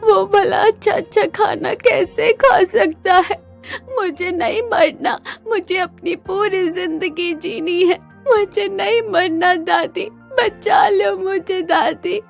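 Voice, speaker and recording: A woman's voice: very high-pitched, slow, creaky, soft background music, full character voice. A woman voicing a frightened young female goat, tearful and pleading in a cartoon.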